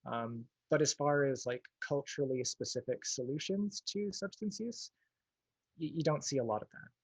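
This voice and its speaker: A man's voice: mid-range voice, normal speed, breathy edge, no room sound, poor audio. A man speaking as an activist guest in a casual livestream interview. He is thoughtful and hedges, with plenty of "like" and "you know".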